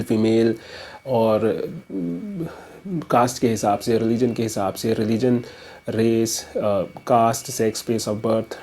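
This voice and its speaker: Husky-voiced man teaching with stories. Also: mid-range voice, warm tone, low-quality recording. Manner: story-driven, casual, mixes in English terms. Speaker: educator. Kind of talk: explaining a memory trick.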